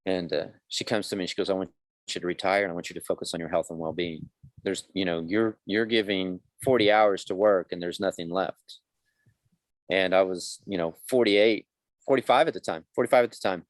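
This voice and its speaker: A man's voice: sits low, steady tone, moderate pace, dry recording. A man in his fifties, a podcast guest, telling his life story candidly and acting out the dialogue of people in it. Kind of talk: conversational podcast interview.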